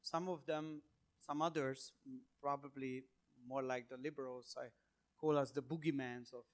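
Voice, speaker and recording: A man with a Hungarian accent answering panel questions in English as a non-native speaker, hesitant, with many fillers and halting phrasing. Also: medium pitch, fairly even intonation. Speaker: panel guest, government minister.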